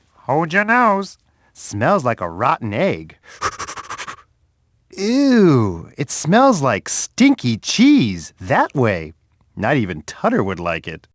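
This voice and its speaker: A man voicing a big friendly bear who cheerfully guides children through an edutainment game, encouraging them with expressive, playful reactions. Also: medium pitch, a little hiss or hum. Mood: playfully disgusted. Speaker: children's game character and storyteller.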